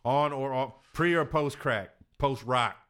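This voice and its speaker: A man with a smooth, resonant voice hosts a casual radio talk show. He talks in a laid-back, slangy way and plugs the show between jokes. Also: mid-range voice, unhurried, fairly bright tone. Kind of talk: casual chat.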